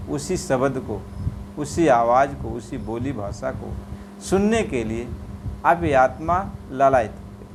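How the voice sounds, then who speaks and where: A man giving a devotional sermon, repeating phrases and drawing out chanted verses in a slow, melodic way. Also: on the high side, slight background noise. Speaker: spiritual preacher.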